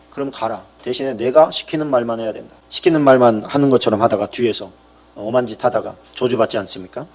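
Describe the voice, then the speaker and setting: A male pastor preaching a sermon, asking the congregation questions and acting out short bits of dialogue. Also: mid-range voice. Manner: lively preaching, rising to loud emphatic peaks and dropping to quiet asides; acts out dialogue in character voices.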